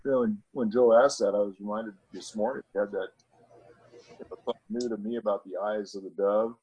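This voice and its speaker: A man in a casual group discussion, speaking in a measured way with many "you know"s. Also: lowish voice, fairly even intonation, mellow, slightly rough, dull audio. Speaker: group member.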